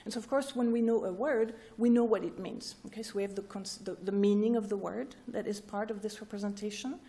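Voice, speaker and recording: Mellow-voiced woman giving an academic talk. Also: mid-range voice, brisk. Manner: explains step by step, often checks in with "right?" and "okay?". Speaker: researcher presenting at a workshop. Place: lecture room with an audience.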